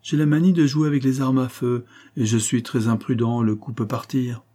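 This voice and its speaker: A man voicing a sly, mocking male schemer in a French adventure audiobook, speaking higher and louder than his narration. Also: fairly even intonation, moderate pace, close to an everyday voice. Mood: smug. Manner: smug, taunting.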